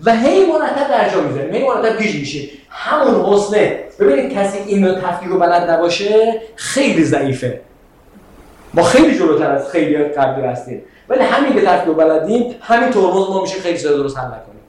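A man teaching philosophy in a classroom lecture, animated and rhetorical, often putting questions to his students. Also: sits high. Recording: very echoey room.

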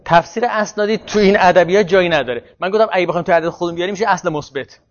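During a seminar lecture, a teacher with a fairly high male voice explains a point at length and takes questions as they come. The recording is muffled and lo-fi.

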